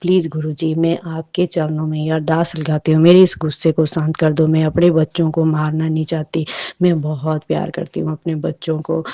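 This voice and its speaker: Gravelly flat-voiced woman pleading in prayer. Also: low-pitched, dry recording. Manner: pleading, repeating "please guruji". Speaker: devotee sharing a satsang. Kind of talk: personal prayer and testimony. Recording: slightly muffled dry recording.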